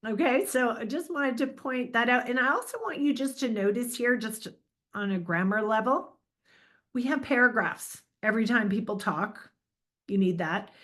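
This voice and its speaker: A middle-aged woman, an author, giving a lively, emphatic writing lecture in a conversational way. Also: a little high, normal speed.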